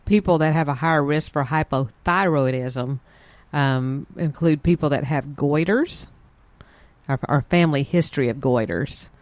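Woman calmly listing health symptoms. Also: deep voice, normal speed, dry recording. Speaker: co-host. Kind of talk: health talk, reading symptoms.

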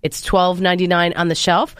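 An upbeat woman hosts a casual wine chat on a studio mic, her voice set a little low. She sounds a little stuffy from sinus trouble and explains things plainly. The sound is close and dry. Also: level tone, brisk, fairly bright tone, clear, resonant tone, no echo. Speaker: wine show host.

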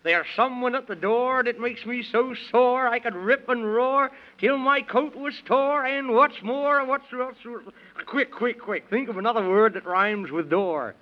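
A man's voice: very high-pitched, unhurried. A man playing a fussy, scatterbrained Man in the Moon who gets flustered and repeats himself, in a 1930s children's radio serial. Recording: dull, muffled 1930s radio recording.

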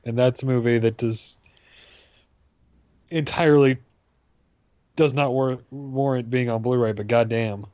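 A man's voice: medium pitch, fairly even intonation, unhurried, long pauses, warm tone, no room sound. Rambling man, dull dry recording. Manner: rambling, hedges with fillers. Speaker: podcast guest. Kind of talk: casual movie commentary.

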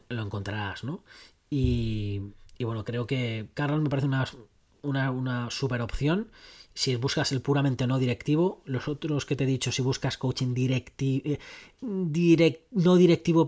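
A man's voice: mid-range voice, darkish tone. Guy rambling on his podcast, chatty, keeps cutting himself off with asides. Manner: chatty, rambling, self-interrupting with asides and acted quotes. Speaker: podcast host. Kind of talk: casual solo podcast talk.

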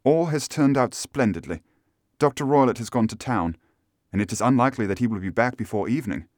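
Man voicing an anxious young gentlewoman, pitched up. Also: lively intonation, fairly quick, no room sound, clean studio sound, lightly acted. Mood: eager relief. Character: frightened, earnest young gentlewoman client in a detective story.

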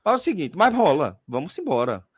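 A man's voice: a little high, sing-song, a little fast, slightly rough, no echo, studio quality. A man hosting a casual betting podcast in slangy, sweary colloquial speech. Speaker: podcast host.

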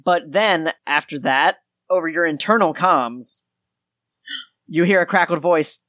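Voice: mid-range voice, measured pace, sharp tone, dry recording. A game master narrating a tabletop game in an informal, descriptive way.

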